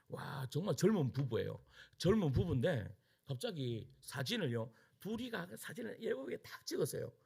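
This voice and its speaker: Middle-aged male pastor, Gyeongsang Korean accent, gravelly and husky, wildly animated storytelling sermon. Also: on the high side. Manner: animated storytelling with acted-out quotes and frequent laughter. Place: church sanctuary.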